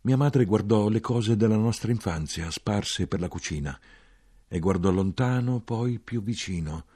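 Husky-voiced man reading literary prose. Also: fairly low pitch, dry recording, clean studio sound. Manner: measured, grave, expressive. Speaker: audiobook narrator. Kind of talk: literary audiobook narration.

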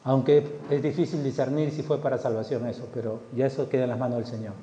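A man's voice: mid-range voice, little pitch movement, fast, warm tone, slight background noise. A male pastor preaching a sermon, telling the story vividly, acting out the scenes and asking many rhetorical questions. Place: church hall. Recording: echoey hall, dull lo-fi sound.

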